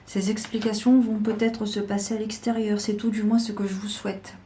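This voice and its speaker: Slow, mellow-voiced woman reading tarot. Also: medium pitch, level tone, slight background noise. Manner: slow, deliberate, with hesitations. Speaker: tarot reader. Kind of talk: weekly tarot guidance.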